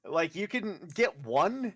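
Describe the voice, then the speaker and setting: A husky-voiced man running a tabletop game as game master, giving relaxed rulings. He speaks slowly, and his pitch rises and falls widely. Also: no echo, clean studio sound. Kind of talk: casual game chat.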